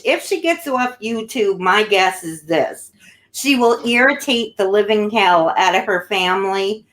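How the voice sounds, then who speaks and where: A woman's voice: medium pitch, fairly bright tone. A woman hosting a casual commentary chat, blunt and scornful about the person discussed. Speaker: channel host.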